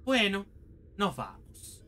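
Un hombre con acento de España que comenta una partida de un videojuego de forma desenfadada, grita a los monstruos y suelta tacos a cada rato. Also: male voice, high-pitched, takes it slowly, slight background noise. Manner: excitable, shouting and swearing at monsters. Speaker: gaming YouTuber. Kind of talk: casual let's-play commentary.

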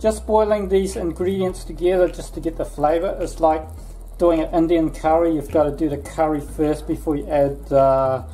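A man in his thirties from Laos, casually explaining a recipe in his home kitchen, chatty and relaxed, filming himself at arm's length. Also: fairly high pitch, moderate pace, low-quality recording. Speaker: vlog host. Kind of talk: casual cooking vlog.

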